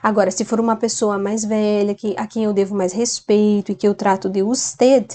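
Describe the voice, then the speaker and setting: This Spanish teacher, a woman, explains grammar in a video lesson with a medium-pitched, level, warm voice at a moderate pace. She's patient and keeps checking in with "né?".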